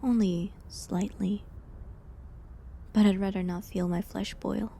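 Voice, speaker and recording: In an acted dramatic audio roleplay set in medieval times, a woman plays a village healer falsely accused and awaiting execution, sad, wry and resigned. Her medium-pitched voice is slow and steady in tone, delivered softly, hesitantly and breathily with pauses, over slight background noise.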